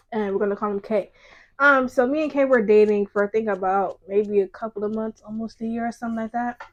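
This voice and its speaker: A young woman with a somewhat high voice chats casually about personal experiences. The delivery is slangy and conversational, slipping into quoted dialogue along the way.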